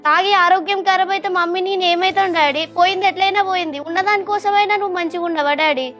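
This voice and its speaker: An actress with a Telangana Telugu accent plays a distressed young daughter scolding her drinking father in a family web drama, her voice very high, quick, and a bit bright. She sounds reproachful and urgent in this dialect drama scene. The highs are cut off, and soft music plays underneath.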